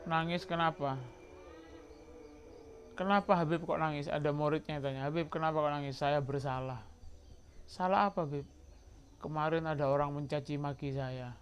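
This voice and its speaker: At a religious study gathering, a man with a slightly high voice preaches from a religious book, telling stories and acting out quoted dialogue while mixing in Javanese and Arabic. His tone is steady and smooth, his pace moderate with frequent pauses, and the recording is muffled.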